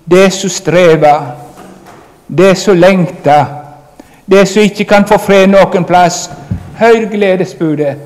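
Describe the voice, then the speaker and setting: A man delivers an earnest, emphatic sermon and speaks straight to his listeners. His voice sits a little high for a man. It carries a long hall reverb. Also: darkish tone. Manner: earnest, emphatic preaching, addressing the congregation directly. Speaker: preacher.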